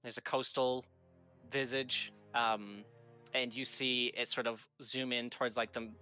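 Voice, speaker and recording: A man's voice: mid-range voice, flat delivery, unhurried, sharp tone, faint music behind. A man narrating as game master in a casual, rambling way, with filler words and swearing.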